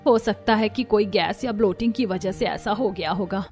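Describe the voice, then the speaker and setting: Woman voicing a tired cartoon mom-in-law, soft and quiet, talks kinda weary. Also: medium pitch, moderate pace, faint music behind, lightly acted. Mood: puzzled. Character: modern working mother-in-law, tired and uneasy.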